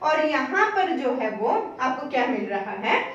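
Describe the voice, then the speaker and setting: High-voiced woman teaching in an echoey room. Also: sing-song, unhurried, a bit bright, recorded from a distance, dull audio. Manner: asks questions and answers them herself, repeats key words. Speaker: Hindi grammar teacher. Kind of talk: classroom-style lesson.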